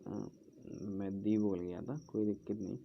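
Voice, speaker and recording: A man teaching grammar in Hindi, speaking slowly and repeating words as he writes. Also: on the low side, level tone, gravelly, a little hiss or hum. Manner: slow, repeating words while writing on a board. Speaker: English teacher. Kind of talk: explaining English grammar in Hindi. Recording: dull lo-fi sound, faint background.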